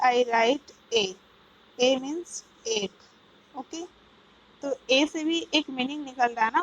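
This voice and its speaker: High-voiced woman teaching English grammar. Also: highs cut off. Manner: explains step by step, often checking with "ok, got it?". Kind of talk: classroom grammar lesson.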